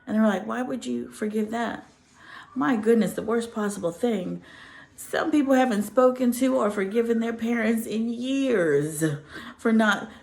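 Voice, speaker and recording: Gravelly-voiced woman talking earnestly. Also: lowish voice. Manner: earnest, animated storytelling with laughter. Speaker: channel host. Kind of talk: casual spoken reflection.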